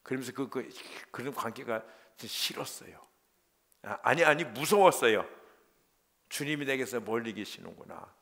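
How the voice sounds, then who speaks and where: A middle-aged man preaching a sermon as a pastor, emotional, moving from loud pleas to hushed whispered prayers. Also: mid-range voice, expressive, moderate pace, gravelly.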